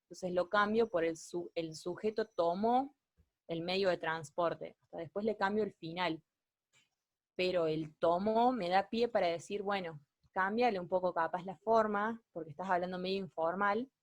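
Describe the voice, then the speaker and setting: A young woman tutor with an Argentine Spanish accent leads an online writing workshop, explaining academic writing to students. She sounds hesitant, often pausing, restarting and correcting herself as she explains. Her voice sits low, and the recording is dry and close.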